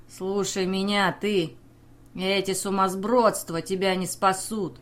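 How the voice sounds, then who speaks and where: A woman's voice: medium pitch, flat delivery, slow, a bit bright. A woman reading a curt cold sea captain. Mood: stern. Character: stern hulking male sea captain.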